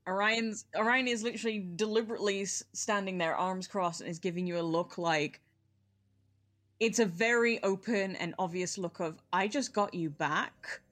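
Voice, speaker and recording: Casual female tabletop player, medium pitch. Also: moderate pace, fairly bright tone. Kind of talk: casual in-character description and chat.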